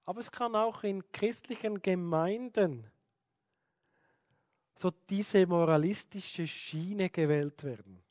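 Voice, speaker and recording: Slow, deliberate male Bible teacher. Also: high voice, darkish tone, no echo, studio quality. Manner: conversational, acts out quoted speech with many "hey" asides. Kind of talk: recorded Bible teaching lecture.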